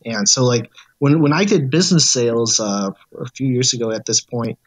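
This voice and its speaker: A man's voice: mid-range voice, moderate pace. A man speaking as a guest in a casual podcast chat, hesitant and full of fillers.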